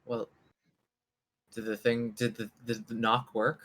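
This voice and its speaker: A man's voice: mid-range voice, monotone, a bit bright. A man playing a tabletop game, asking the game master rules questions and announcing his moves. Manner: inquisitive, quick questions. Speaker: player.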